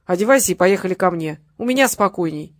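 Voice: mid-range voice, expressive, quick pace, natural voice. A reader voicing a stern, terse grown man who speaks curtly in an audiobook. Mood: gruff. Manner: curt, dry. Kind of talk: audiobook character voice.

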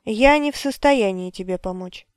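A cold, unyielding male wizard lays down his refusals in firm, measured tones, as a woman reader puts him on. The voice stays smooth and clear. The sound is dry and close. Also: mid-range voice, expressive, no room sound, lightly acted.

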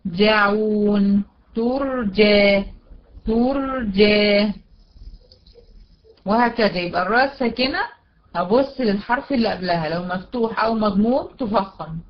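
With an Egyptian Arabic accent and a mid-range voice, a woman teacher walks through recitation rules step by step in a recorded tajweed lesson. She recites example words slowly and keeps asking "tamam?" to check her students follow. The recording is dull and lo-fi.

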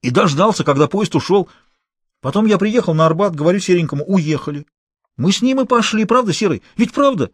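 A frightened small-time crook who whimpers and babbles the same pleas over and over. His voice climbs far higher than the reader's own and swings wildly. The sound is dry and close. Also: lively intonation, fairly quick, breathy edge, no echo. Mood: panicked. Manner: frantic, repetitive, whimpering. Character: terrified petty male thief, pleading and babbling.

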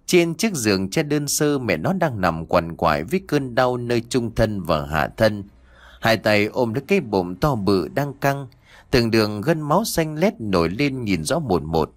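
A man reading a horror story aloud as a steady, dramatic storyteller. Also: mid-range voice. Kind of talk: scripted horror story narration.

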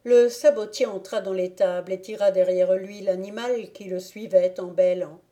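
A woman narrates a classic novel as an audiobook reader, her voice mellow and dark. She keeps a measured, even storytelling pace, at a middle pitch for a woman. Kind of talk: scripted literary narration.

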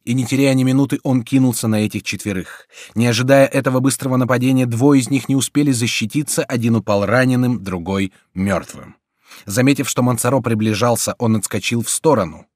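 A man narrating a historical adventure audiobook in a dramatic, measured reading. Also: mid-range voice, a little mellow, no room sound, studio quality. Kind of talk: scripted narration.

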